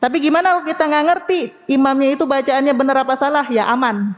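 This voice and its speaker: A woman teaching Quran recitation to a study group, slowly demonstrating sounds and asking the class to repeat after her. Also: sits high, big-room sound, highs cut off. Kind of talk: women's study group lesson.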